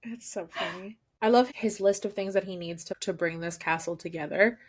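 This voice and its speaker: A woman's voice: mid-range voice, moderate pace, breathy edge. Enthusiastic woman podcast co-host. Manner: enthusiastic, laughing agreement. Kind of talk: casual chat.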